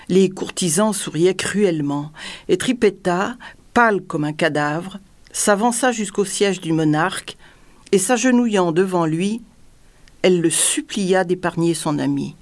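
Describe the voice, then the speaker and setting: A woman reading a story aloud in scripted narration, with even, dramatic storytelling. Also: lowish voice. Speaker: audiobook narrator.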